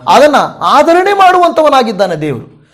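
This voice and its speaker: Male pastor, high and animated delivery, preaching with big swings in volume. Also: normal speed. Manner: expressive, swinging between loud peaks and soft drops. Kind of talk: sermon.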